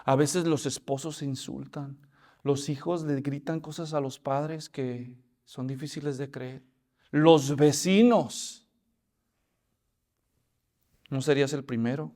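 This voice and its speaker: A pastor preaching a sermon, telling the story in an animated way and addressing listeners as brothers. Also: male voice, fairly high pitch, slow pace, long pauses.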